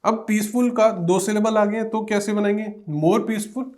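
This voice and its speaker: A high-voiced man runs through an English grammar lesson. He goes one step at a time and keeps checking in with his students. He reads each example sentence out slowly and with care. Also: steady tone, darkish tone. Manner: explains step by step, often checking in with the class.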